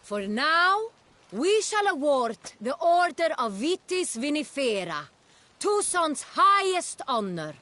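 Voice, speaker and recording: An actress voicing a gracious ruling duchess in a video game, speaking in formal, stately court language. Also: female voice, high voice, big pitch swings, takes it slowly, bright, forceful tone, exaggerated voice. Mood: ceremonial. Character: gracious regal duchess, ruler of a realm.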